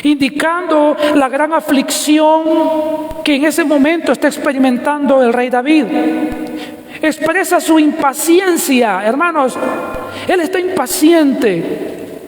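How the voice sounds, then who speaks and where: A man with a strikingly high voice preaching a sermon. He poses questions and answers them himself, repeating key words and addressing the congregation as brothers. His voice rings through a roomy church hall with a long, lingering reverb. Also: slow, soft background music. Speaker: pastor. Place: church sanctuary.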